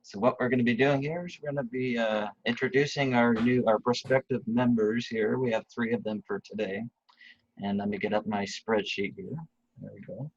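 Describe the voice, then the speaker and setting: A man's voice: mid-range voice, fairly even intonation, moderate pace, husky. A man running a club meeting on a video call, casual and with many fillers. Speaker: club vice president. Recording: muffled video call audio.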